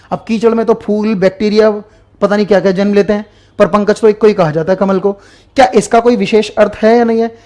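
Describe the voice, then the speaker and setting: High-voiced man teaching a grammar lesson. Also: a little mellow. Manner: explains patiently, repeats key terms, asks and answers his own questions. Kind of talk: online exam-prep grammar lesson.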